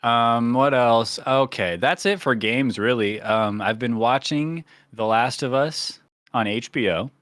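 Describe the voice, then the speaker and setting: A man's voice: medium pitch, measured pace, a bit bright, dry recording, clean studio sound. A man co-hosting a podcast, chatting casually in slangy, teasing talk. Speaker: podcast co-host. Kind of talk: casual banter chat.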